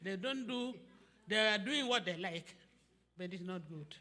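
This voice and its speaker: A man speaking softly but insistently in short, quick phrases. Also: high-pitched.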